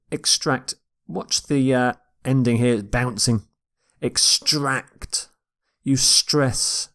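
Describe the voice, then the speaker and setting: A man teaching English vocabulary in a recorded lecture, repeating each word slowly and carefully for pronunciation. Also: mid-range voice. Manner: slow, deliberate, repeats words for pronunciation.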